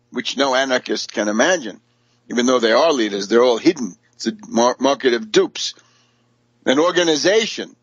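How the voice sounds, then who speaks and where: A man's voice: mid-range voice, dry recording, dull audio. A man from the United States hosting a radio show, giving a combative, sarcastic political commentary monologue. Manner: combative, sarcastic, mocks opponents.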